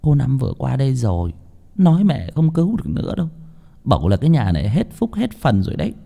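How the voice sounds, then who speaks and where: A man doing a nagging, sharp-tongued village wife. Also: mid-range voice, wildly swooping pitch, fast talker, vocal fry, pitched above the performer's own voice, exaggerated voice. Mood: scolding. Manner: scolding, nagging.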